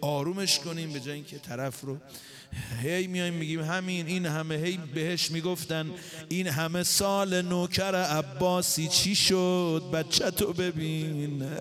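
High-voiced man chanting a sermon. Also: fairly even intonation, fairly bright tone, faint music behind. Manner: shifts between slow chanting and fast, rising emotional outbursts. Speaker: preacher. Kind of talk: chanted religious sermon storytelling.

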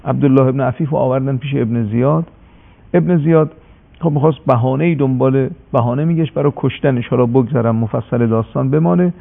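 Gravelly guy preaching a story, passionate, slows down to hit points, tinny radio. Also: mid-range voice. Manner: impassioned, slows for emphasis. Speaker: religious speaker. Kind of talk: sermon-like storytelling. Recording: tinny phone-like radio broadcast.

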